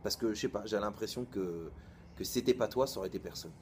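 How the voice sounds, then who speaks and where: Low-voiced rabbi telling a lively story. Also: male voice, fast talker, slight background noise. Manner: colloquial, lively, acts out both sides of a dialogue. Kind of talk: informal storytelling sermon.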